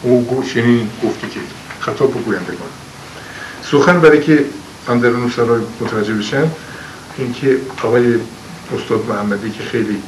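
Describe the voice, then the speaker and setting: A male teacher leads a poetry lecture, patiently unpacking old words and lifting his voice to declaim the verses. He sits far from the mic in a roomy, echoing space. A faint hiss runs under his voice. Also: lowish voice.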